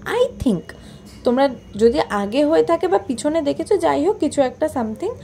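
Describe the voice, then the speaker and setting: A woman's voice: sits high, animated, normal speed, creaky, warm tone, a little hiss or hum. A young woman narrating her own vlog in a chatty, playful, self-mocking voice-over. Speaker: vlogger.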